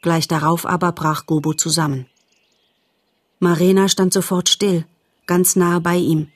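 A woman reading a storybook aloud as narrator, calm and measured. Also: on the low side, no room sound, clean studio sound. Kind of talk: audiobook narration.

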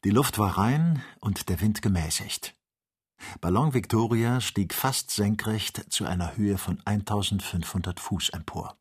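A man narrating a classic adventure novel in a measured, even storytelling manner. His voice sits very low and has a husky, breathy grain. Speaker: audiobook narrator.

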